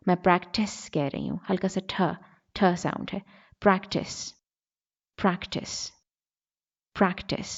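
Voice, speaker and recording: A woman teaching English pronunciation in a deliberate lesson style, repeating words to model the sounds and mixing in English phrases. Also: medium pitch, a little mellow, muffled recording. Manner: switches between Hindi-Urdu and English phrases. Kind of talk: slow instructional lesson.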